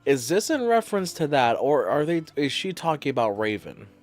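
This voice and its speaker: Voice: medium pitch, sing-song, moderate pace, soft background music. A game streamer reacting with playful, rambling asides and laughter. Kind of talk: live game stream commentary.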